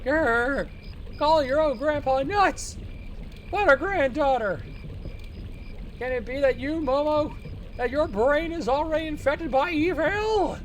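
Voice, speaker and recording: Old grandpa game character, shrill, slow, melodramatic, ranting, high-pitched. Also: lively intonation, a little hiss or hum. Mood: indignant.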